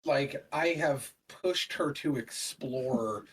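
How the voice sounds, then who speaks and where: Husky man chatting on a podcast. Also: mid-range voice, slow, far from the mic, low-quality recording. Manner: rambling, with many fillers. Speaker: podcast co-host. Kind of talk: casual chat.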